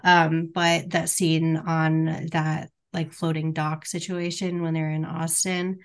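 Woman co-host, enthusiastic and rambling, slightly low voice. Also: level tone, takes it slowly. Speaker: podcast co-host. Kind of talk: casual book and film chat.

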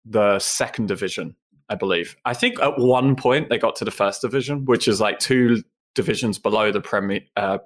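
A low-pitched English man in his thirties talks as a podcast guest. He rambles casually, peppering his answers with fillers and self-deprecating asides. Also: moderate pace. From England (Essex). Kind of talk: casual interview chat.

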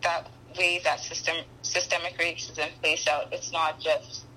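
Thoughtful young woman, bright voice. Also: low-pitched, level tone, unhurried, slight background noise, low-quality recording. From Ghana. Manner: thoughtful, frequent ums and restarts. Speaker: podcast guest. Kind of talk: conversational interview.

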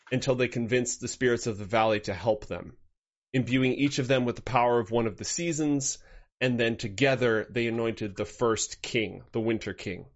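Male game master, tabletop narration, medium pitch, lo-fi recording.

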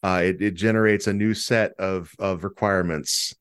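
A male podcast host, chatty and quick to laugh as he leads the talk. His voice sits on the low side. The recording is dry and close. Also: fairly even intonation, fairly bright tone, smooth, no echo. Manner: chatty, laughs often, halting restarts. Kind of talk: casual chat.

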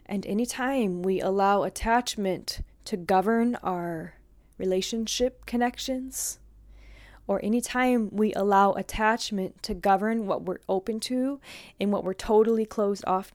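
A woman yoga teacher giving a calm, earnest spoken lesson. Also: mid-range voice, no echo, clean studio sound.

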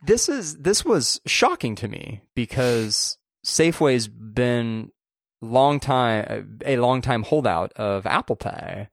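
A man's voice: mid-range voice, sing-song, slow pace, creaky, no echo, studio quality. A man co-hosting a podcast, chatting casually about tech news and often restarting his phrases. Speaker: podcast co-host.

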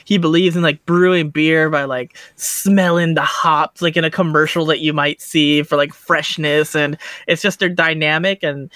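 A man's voice: a little high, normal speed, few pauses, no room sound. A man co-hosting a podcast in easygoing casual chat, often saying "like" as he talks. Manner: relaxed, easygoing, uses "like" often. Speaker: podcast co-host.

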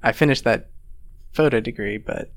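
A man in his thirties from Texas, a ceramic artist answering interview questions in a relaxed, hesitant way with many pauses and ums. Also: mid-range voice. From Fort Worth, Texas.

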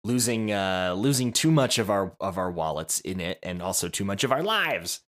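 Lively low-voiced man explaining podcasting. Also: moderate pace. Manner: rambling, many restarts, self-amused. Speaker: podcast co-host. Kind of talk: casual explanatory chat.

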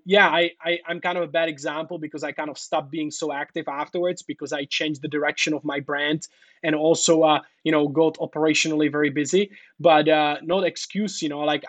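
A podcast guest from the talks in a relaxed, rambling way, padding his points with fillers. His voice sits fairly high with little melody, and the recording is dry and close. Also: no room sound, highs cut off. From Czech Republic. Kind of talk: casual interview talk.

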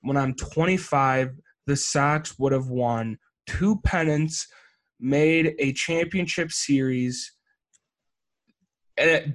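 A young man in his twenties trading banter on a sports podcast. He teases his co-host in an animated way and stumbles over his words when he tries to break in. His voice sits in a middle pitch. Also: slow. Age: 20s. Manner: teasing and animated, stammers when cutting in.

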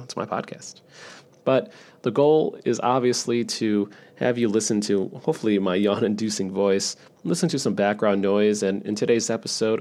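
A man hosting a podcast for sleep listeners, thinking out loud in a low-key, self-deprecating monologue with a drowsy, gravelly voice. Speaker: podcast host. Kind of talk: rambling, relaxed stream-of-consciousness monologue for sleep listeners.

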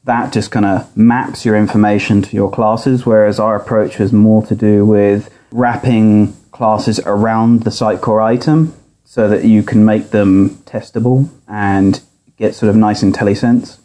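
The audio here is poor, captured by a laptop's built-in sound instead of a microphone, as a software architect guesting on a podcast explains technical work conversationally and with measure. His voice sits low, is mellow, and barely moves in pitch.

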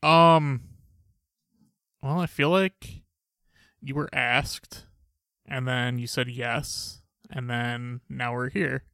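A young man hosting a podcast, talking in a dry, monotone, sarcastic way. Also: medium pitch, drawn-out words, pauses often, clean tone, no echo. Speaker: podcast host. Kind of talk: casual podcast banter.

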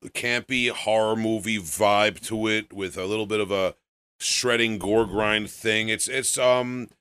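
Podcast host, male, Long Island accent, slightly low and punchy, blunt banter, dry studio sound. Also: steady tone, unhurried, bright, forceful tone, clean tone, no echo. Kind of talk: casual music podcast chat.

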